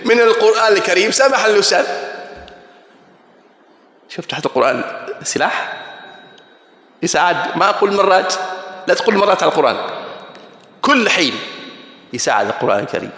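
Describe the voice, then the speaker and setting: A man's voice: sits high, quick pace, long pauses. A man preaching a humorous sermon, telling stories and acting out voices. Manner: lively storytelling, acts out voices. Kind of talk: humorous sermon in Gulf dialect. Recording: echoey hall reverb.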